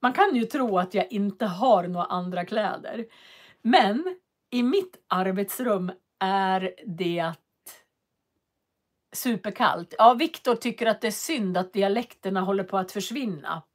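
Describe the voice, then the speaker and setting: A woman's voice: medium pitch, animated. Woman, livestream host at home, loose and chatty, stops and starts as she reads comments. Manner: chatty, reads out viewer comments, frequent hesitations. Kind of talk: casual livestream chat. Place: cold home office.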